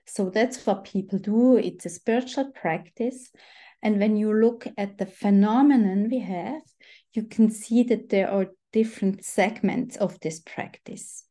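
A Swiss researcher in her forties, speaking with a Swiss German accent, gives an explanatory academic presentation as a guest on a video call from home. Her mid-range voice is mellow, picked up by a computer microphone.

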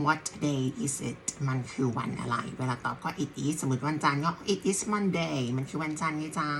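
A woman teaching a beginners' language lesson, patient and motherly, who drills each word by repeating it slowly. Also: sits low, a little hiss or hum. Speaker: English teacher.

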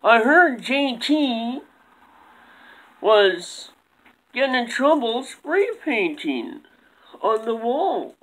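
A man voicing a slow-talking male puppet coach in a halting ventriloquist dummy voice. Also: very high-pitched, very animated, fairly bright tone, pitched above the performer's own voice, exaggerated voice, poor audio.

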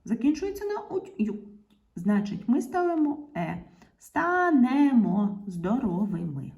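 A woman's voice: fairly high pitch, darkish tone. A woman teacher, patiently explaining a grammar lesson to young pupils, sometimes dropping to a half-whisper. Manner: slow, patient explaining to children, often half-whispered asides. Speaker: primary school teacher.

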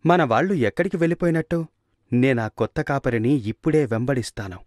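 A man voicing a brave young cowherd hero in a cartoon, calling to his friends with calm authority. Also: mid-range voice, a little fast, no echo, clean studio sound, lightly acted. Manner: commanding, reassuring calls to friends.

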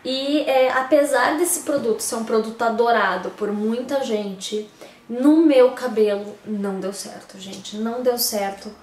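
A woman's voice: fairly high pitch, unhurried, a little mellow. A woman giving a casual, rambling product review, full of fillers and restarts, recorded at home on a camera mic. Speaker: beauty vlogger. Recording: roomy echo, distant camera mic, faint background hiss. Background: faint street noise.

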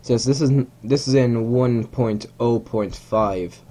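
A young man, Hungarian by first language, casually commentates a rocket launch in a game from a small room at home. He rambles, corrects himself and drops chuckling asides, speaking a little slowly in a mellow, mid-range voice.

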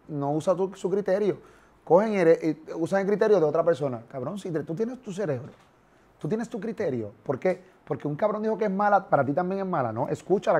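A man with a Puerto Rican accent hosting an interview, talking in an animated, slangy way and acting out reactions with sound effects. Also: a little high. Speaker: interview host, radio presenter. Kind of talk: casual interview talk.

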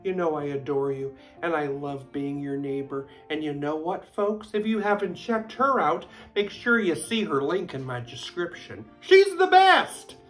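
Man, thirties, cooking host, very lively swinging pitch, slow unhurried delivery, home kitchen, faint music behind. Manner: animated, gushing exclamations. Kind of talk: casual cooking demonstration. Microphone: camera at close range.

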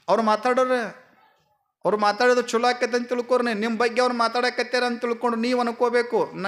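A male preacher with a North Karnataka Kannada accent, telling a moral story in a sermon, dramatic and swinging between hushed and loud. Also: extremely high pitch. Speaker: spiritual preacher.

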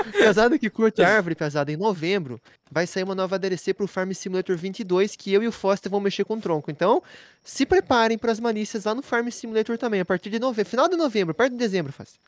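A young man chats through a game with his co-host, joking and teasing the whole time. His pitch swings all over as he talks, excitable and quick to laugh it off. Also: no echo. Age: 20s. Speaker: gaming channel co-host. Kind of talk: casual gameplay banter.

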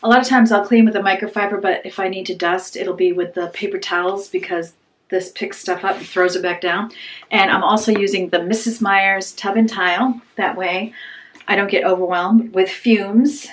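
A woman's voice: medium pitch, fairly even intonation, normal speed. A middle-aged woman chatting through an upbeat, rambling home vlog, talking to the camera in her bedroom and then while cleaning a small bathroom. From Maine, USA. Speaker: home vlogger, mom.

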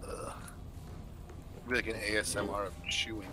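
A man playing a co-op video game with friends, joking casually and shouting when in danger. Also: on the low side, moderate pace. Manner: joking, excitable when panicking. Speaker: co-op gaming partner. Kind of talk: casual gaming chat. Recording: noisy background.

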